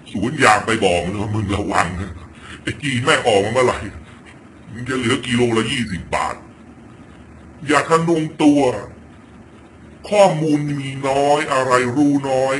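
A man from Thailand delivers blunt, crude political commentary, swearing freely in an animated, swinging voice. His tone is bright and forceful, with a faint hiss of background noise under the home recording. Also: medium pitch. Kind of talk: ranting political commentary clip. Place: home in Virginia.

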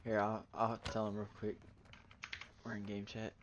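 A man's voice: lowish voice, completely flat delivery, moderate pace, highs cut off, background noise. A young man streaming a game, chatting casually with friends in laid-back bro-ish slang. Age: young adult. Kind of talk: casual gaming chat. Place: indoor room at a gaming setup.

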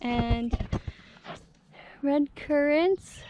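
Slow, chatty young woman outdoors. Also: high-pitched, noisy background. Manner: easygoing, chatty, lots of fillers. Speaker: homestead vlogger. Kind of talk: casual garden tour. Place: outdoors in a rural garden on a hot day. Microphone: handheld action camera.

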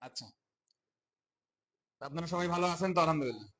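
A man's voice: on the high side, expressive, fast talker, fairly bright tone. A man teaching a live class on Arabic letters, patiently repeating prompts for learners to echo. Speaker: Quran teacher.

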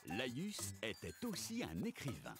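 A game narrator telling a fairy tale in a gentle storybook manner. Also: mid-range voice, wildly swooping pitch, unhurried. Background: loud game music.

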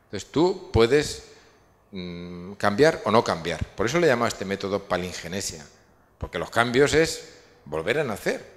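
Lecturing publicly in a big hall, a man wanders as he lays out his ideas, often restarting and filling gaps, with audience questions part of the event. His low-leaning voice is very animated at a moderate pace, and the hall's long reverb trails after it.

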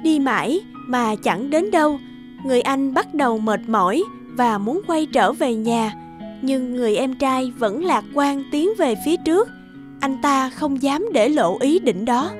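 Over soft, light music, a female narrator reads a scripted fairy tale. Her high-pitched delivery is expressive and a little slow.

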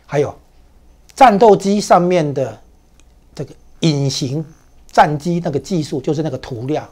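Emphatic Taiwanese commentator, fairly high voice. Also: male voice, measured pace, dark tone. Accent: Taiwanese Mandarin. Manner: emphatic, rhetorical questions, frequent 啊 and 哦 fillers. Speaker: political commentator. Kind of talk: talk show commentary.

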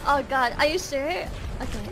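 A woman's voice: high-pitched, moderate pace. A German-native woman streamer chatting casually in English, giggly and rambling with lots of filler words. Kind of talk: casual gaming stream chat.

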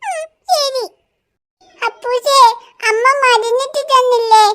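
A performer voicing a little girl in a cartoon, an earnest older sister who soothes her baby brother in a high, childlike voice. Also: takes it slowly, fairly bright tone, heavily acted. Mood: soothing. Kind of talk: cartoon voice acting.

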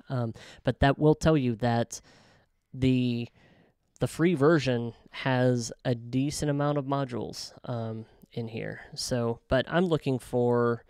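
Chatty man thinking aloud, smooth and dry. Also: medium pitch, a little mellow, no room sound. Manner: chatty, thinking aloud with many ums and self-corrections. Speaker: web developer tutorial host. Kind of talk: casual screen-recorded software walkthrough.

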